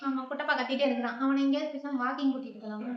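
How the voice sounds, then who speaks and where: A woman's voice: sits high, very fast, reverberant, lo-fi sound. A woman vlogger chatting casually at home, talking with her husband and scolding their dog. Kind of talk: casual home vlog chat. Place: home and garden.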